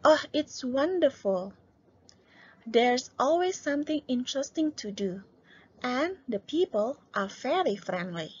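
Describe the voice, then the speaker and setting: A woman's voice: high-pitched, measured pace, slightly rough, no room sound, full character voice. A woman voicing Jim, a polite photographer. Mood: friendly. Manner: polite, even textbook dialogue. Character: friendly adult man named Jim, a photographer. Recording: dull lo-fi sound.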